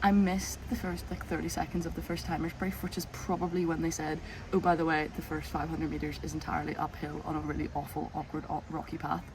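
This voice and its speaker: A woman's voice: sits low, flat delivery, fast, few pauses, background noise. A woman chatting casually to camera as a vlogger.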